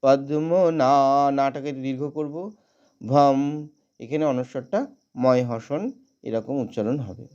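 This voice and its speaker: A man teaching how to pronounce a Sanskrit prayer, chanting verses slowly and breaking each word down syllable by syllable. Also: mid-range voice, dark tone, muffled recording. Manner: slow drawn-out chanting of verses, brisker spoken explanations. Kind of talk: chanting a prayer, then explaining pronunciation.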